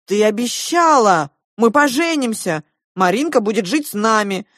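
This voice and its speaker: A woman's voice: fairly high pitch, lively intonation, moderate pace, a bit bright, no room sound, clean studio sound, pitched above the performer's own voice. A woman doing an earnest, stubborn young boy. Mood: insistent.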